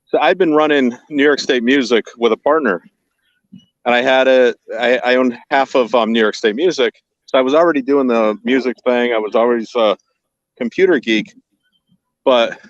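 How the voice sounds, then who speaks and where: A man joining an interview by phone, relaxed and a bit halting as he tells his story. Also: mid-range voice, no echo. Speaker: interview guest. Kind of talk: casual conversation. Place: outdoors on a hill. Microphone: phone on a video call. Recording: dry, muffled phone call.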